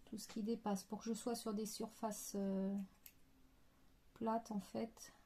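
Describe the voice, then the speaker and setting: Slow, hesitant woman crafting. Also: fairly high pitch, little pitch movement, warm tone, a little hiss or hum. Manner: hesitant, thinking aloud with many fillers. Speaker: crafting tutorial host. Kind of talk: card-making tutorial.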